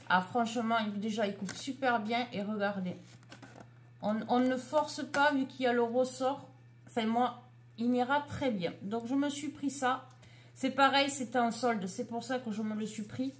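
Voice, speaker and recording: A woman's voice: fairly high pitch, a little hiss or hum. A woman chatting casually as she shows a craft haul, item by item. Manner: slow, chatty, showing items one by one. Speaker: craft vlogger.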